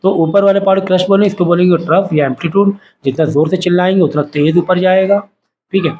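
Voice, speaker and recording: This high-pitched man speaks fast with fairly even intonation, and the audio is dull with slight background noise. He's a science teacher lecturing a class of students, running repeated call-and-response drills where they repeat terms back.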